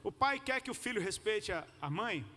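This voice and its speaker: This Brazilian man preaches in a high, pushed, bright voice at a moderate pace, sounding expressive. His conversational sermon in slangy Brazilian Portuguese features personal anecdotes and phrases the congregation repeats, captured in an echoey large hall with noticeable background noise.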